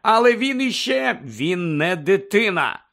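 Mrs Weasley, a man's high shrill scolding mother. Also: lively intonation, unhurried, full character voice. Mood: agitated. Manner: shrill, pleading, nearly shouting. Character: stern worried mother, middle-aged woman.

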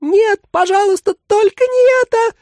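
A man voicing a tiny, childlike creature hiding in a mannequin, wailing and pleading in terror with a shrill, high squeal. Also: unhurried, darkish tone, no echo, studio quality. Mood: terrified pleading.

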